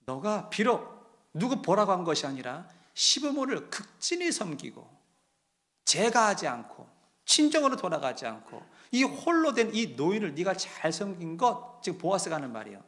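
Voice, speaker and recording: A man pastor delivering a sermon. He tells stories and asks the congregation direct questions, moving between quiet, hushed phrases and strong, emphatic ones. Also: high voice, sing-song, moderate pace.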